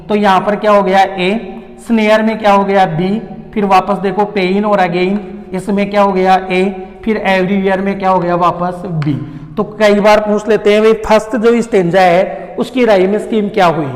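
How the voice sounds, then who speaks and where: A man teaching a poetry lesson in a high voice, explaining step by step. He keeps asking a question and answering it himself. The room adds a long, ringing reverb. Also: a little mellow. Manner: asks questions and answers them himself, repeats key terms.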